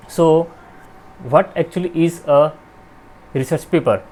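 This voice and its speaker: A man's voice: on the high side, a little mellow. Man explaining step by step. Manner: frequent "okay" and "uh" fillers, explains step by step. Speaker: channel host teaching research writing. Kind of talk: explanatory lesson.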